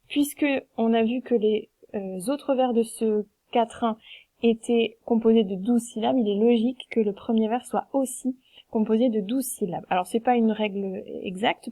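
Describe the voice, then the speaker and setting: A patient woman teacher talks through a lesson with a slightly high, mellow voice. She counts syllables aloud one by one and explains each step calmly.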